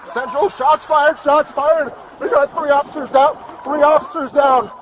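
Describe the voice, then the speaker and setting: A male police officer shouting an urgent call over his police radio, heard from a distance on bodycam audio. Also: fairly even intonation, a little slow, music in the background. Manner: shouting, strained and very high. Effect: police radio call caught on bodycam. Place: outdoors on a busy street. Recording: distant bodycam audio with loud street noise.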